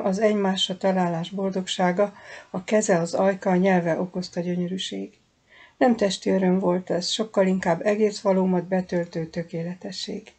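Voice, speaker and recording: A woman narrates a first-person audiobook in a soft, intimate, measured voice. Her tone is warm and mellow, with a gravelly fry and a husky edge. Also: medium pitch. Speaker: audiobook reader.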